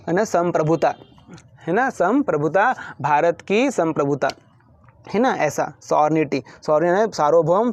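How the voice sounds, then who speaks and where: A man's voice: fairly high pitch, a little mellow, no echo. A man teaching English words as an instructor, repeating each word and asking questions back to his students. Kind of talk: Hindi-language English vocabulary lesson.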